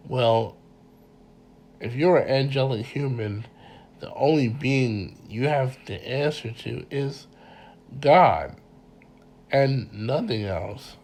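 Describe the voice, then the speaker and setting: Slow, halting congested man lecturing. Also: mid-range voice, darkish tone, a little hiss or hum. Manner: halting, many repeated words and ums; earnest, addresses listeners directly. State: congested from a cold. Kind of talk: informal mini lecture.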